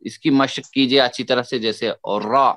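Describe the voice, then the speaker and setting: A man's voice: medium pitch, steady tone, moderate pace, fairly bright tone, no room sound. A man teaching Quran recitation, patiently drilling letter sounds for students to repeat. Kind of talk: tajweed lesson, call and response.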